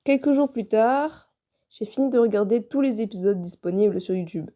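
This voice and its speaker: A woman's voice: medium pitch, moderate pace, mellow. A young woman narrating a personal scripted video in French as its creator.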